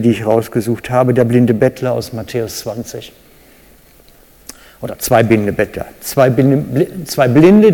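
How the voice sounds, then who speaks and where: A German man delivers a sermon in a church hall, his voice sitting in the middle of the male range. He preaches with animation, breaking into sudden loud, high cries when he acts out the people he quotes. The sound carries a long reverb from the hall.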